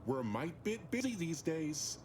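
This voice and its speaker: A harried, stubborn mechanic. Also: male voice, fairly high pitch, sing-song, noisy background. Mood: weary. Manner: weary, stubborn, brisk. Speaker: game character.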